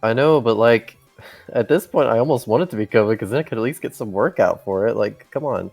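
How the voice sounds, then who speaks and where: A man running a tabletop game who chats casually over voice call and sounds sick, with a low voice. He laughs easily and pokes fun at himself. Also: a little fast, gravelly, darkish tone, faint music behind. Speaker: game master.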